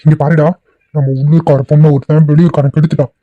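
A man voicing an angry, domineering older village headman who shouts threats and scorn. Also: a little high, level tone, fast talker, no room sound, phone-quality sound, close to an everyday voice. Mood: furious threats.

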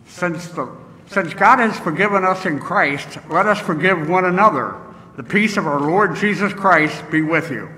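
A man leading worship as liturgist, reading prayers and scripture in a measured, solemn way from a church lectern. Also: high-pitched, animated, pushed and bright. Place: large church sanctuary. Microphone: lectern microphone. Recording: distant mic, long church reverb.

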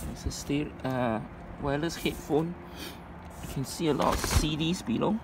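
At an open unit in a storage facility, a man holding a phone camera walks viewers through the contents item by item. His informal presentation is halting and piecemeal, and the handheld recording is noisy with a traffic-like rumble.

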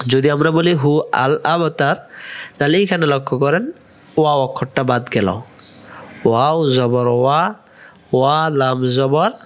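A man teaching recitation, brisk when he explains and slow, drawn out and chanted when he recites the verses. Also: mid-range voice. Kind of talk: step-by-step recitation lesson.

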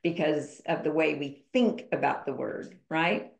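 A woman's voice: low-pitched, unhurried, gravelly. A woman guest on a podcast, telling a personal story in an emphatic, candid way. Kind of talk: conversational storytelling interview. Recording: roomy echo.

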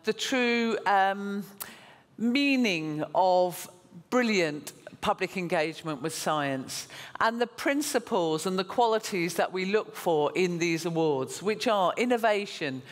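A woman chairing an awards jury, giving a measured, enthusiastic ceremony speech. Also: on the low side, animated. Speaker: jury chairperson, museum director. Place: large conference hall. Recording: hall reverb on stage mic.

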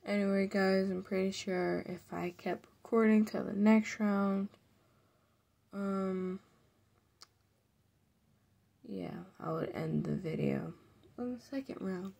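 Brief: sleepy woman commentating a game, gravelly and unhurried, low energy, mumbles and whispers. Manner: soft, mumbled, drifts into whispers. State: just woke up, low energy. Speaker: gaming video creator. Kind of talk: casual gameplay commentary.

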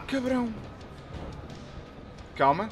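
A young man with a European Portuguese accent giving excitable, trash-talking commentary while playing a wrestling game. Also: extremely high pitch, extremely slow, over music. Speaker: gaming YouTuber. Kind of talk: live gameplay commentary.

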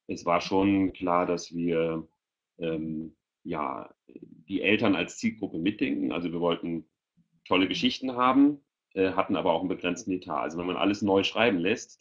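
On a video call from an indoor room, a middle-aged man with a very low voice presents a children's audio portal as a panel guest in an online webinar. His explanation is informal and he searches for words. He wears a headset, and the audio comes across muffled, dull and lo-fi.

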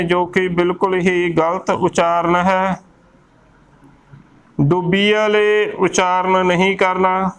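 A Punjabi-accented man gives an unhurried lesson on pronouncing scripture correctly. His voice sits high and smooth, with a steady, level delivery. He spells out each word letter by letter, recorded on a close mic. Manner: spells words letter by letter, repeating correct and wrong forms. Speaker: Gurbani pronunciation teacher. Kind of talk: slow methodical pronunciation lesson.

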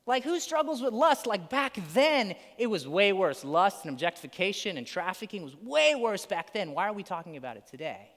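A man's voice: high-pitched, moderate pace, few pauses. A man preaching a sermon in a casual, conversational way, peppered with "like" and "right?", acting out quotes. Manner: animated, acts out quotes. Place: church sanctuary. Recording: long church hall reverb.

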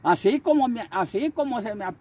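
An older man tells his story with fervor, repeating his phrases and acting out each voice. His voice is husky and high, and it leaps through a wide range. Crickets chirp faintly behind him outdoors. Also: animated, brisk, darkish tone. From Honduras. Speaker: street preacher. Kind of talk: storytelling interview.

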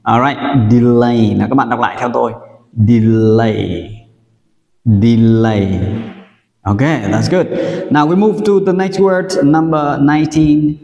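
A male English teacher from Vietnam, drilling vocabulary slowly and repeating each word for learners to echo back. He speaks at a measured, unhurried pace, and his voice rings in a roomy space with a long reverb tail. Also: medium pitch, gravelly, mellow, highs cut off. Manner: slow, drills words for repetition. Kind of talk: vocabulary pronunciation lesson.

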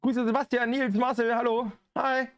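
A young man livestreaming a shooter game, talking in slang, greeting viewers and getting excited at the action. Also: very high voice, moderate pace, clean tone. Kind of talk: live gameplay commentary. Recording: game sounds and noise behind. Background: game sound effects, vehicle noise.

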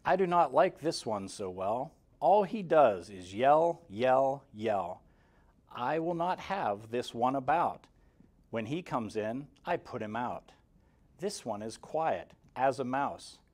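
A man in his forties, a guest story reader for kindergarteners, reads a rhyming picture book aloud while seated in front of a banner in an indoor room. Captured on a lapel mic, his mid-pitched voice moves in an expressive sing-song, slow and measured, with clear emphasis on key words.

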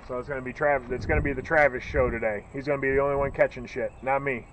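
A middle-aged man from Northeast Ohio with a local accent, chatting excitedly and joking as he films a fishing trip outdoors by a lake, recorded on a bagged camera. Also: medium pitch, fast talker. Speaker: fishing vlogger. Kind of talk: casual outdoor commentary. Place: lakeshore outdoors in the rain. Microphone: camera on a stand, bagged against rain. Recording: outdoor camera audio with noise.

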